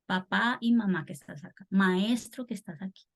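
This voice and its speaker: A woman's voice: medium pitch, normal speed, vocal fry. Emphatic woman training church teachers. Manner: emphatic, repeats key words, acts out quoted voices. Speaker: children's ministry teacher trainer.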